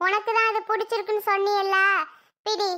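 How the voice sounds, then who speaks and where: A woman voicing a meek, gentle little girl who speaks softly and politely in a cartoon. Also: very high-pitched, flat delivery, brisk. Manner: soft, yielding, polite. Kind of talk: cartoon voice acting.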